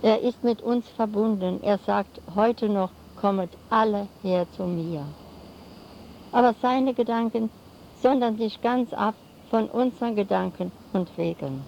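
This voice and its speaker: An older woman delivers a solemn sermon at a deliberate, unhurried pace, her phrases now and then falling into rhyme. Her voice is mellow and gravelly. The recording is dull and lo-fi, with a faint hiss behind her. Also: medium pitch. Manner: solemn, slow preaching with rhyming phrases. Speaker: lay preacher. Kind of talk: sermon to a congregation.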